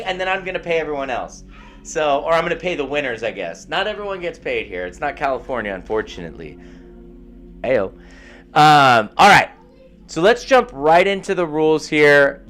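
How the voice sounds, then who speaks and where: Upbeat man hosting a gaming stream. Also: fairly high pitch. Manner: upbeat, rapid shout-outs to viewers. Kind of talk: casual live-stream chat.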